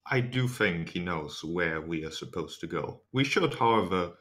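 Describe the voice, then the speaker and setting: A man voicing a cautious female adventurer in a tabletop game, speaking formally and precisely in measured phrases. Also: deep voice, expressive, a bit bright.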